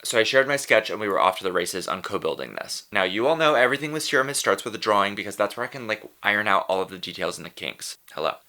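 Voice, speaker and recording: Sassy drag queen, bright low male voice. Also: very animated, fast, few pauses. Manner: sassy drag queen delivery, playful emphatic asides. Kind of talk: chatty scripted vlog narration.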